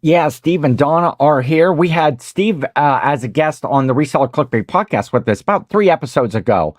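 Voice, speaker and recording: A man's voice: fairly high pitch, lively intonation, moderate pace, no echo, clean studio sound. A man with a Midwestern American accent hosting a casual livestream, rambling while he eats and greets viewers in the chat. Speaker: host of a reseller livestream.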